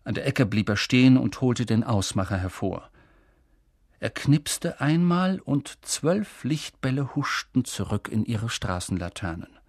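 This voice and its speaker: Guy reading a storybook aloud, calm and even, slow, husky gravelly voice, dry sound. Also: mid-range voice, no room sound. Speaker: audiobook narrator. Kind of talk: scripted narration.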